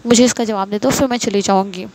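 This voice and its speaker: A woman voicing a bold, playful young woman who coaxes her lover in a soft, teasing voice. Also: medium pitch, steady tone, fast, lightly acted.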